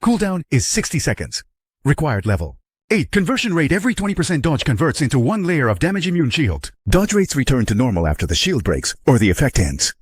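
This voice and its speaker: A man voicing a game system's announcer, reading notifications in a flat, list-like way with a slightly husky tone. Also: a little high, fairly quick, no echo, clean studio sound, pitched above the performer's own voice. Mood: announcing.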